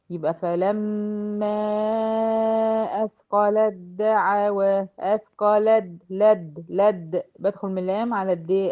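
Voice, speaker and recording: Egyptian woman, tajweed teacher, asks and answers herself, slow model recitation, dull lo-fi sound. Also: medium pitch, mellow. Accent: Egyptian Arabic. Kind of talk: tajweed lesson. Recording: dull lo-fi recording.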